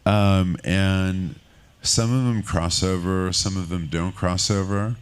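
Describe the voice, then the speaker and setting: A man from France speaking as a guest on a festival stage, candid and relaxed, talking in loose rambling bursts. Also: sits low, takes it slowly, smooth. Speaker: film finance executive, keynote guest. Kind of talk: onstage conversation. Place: stage at a film festival market.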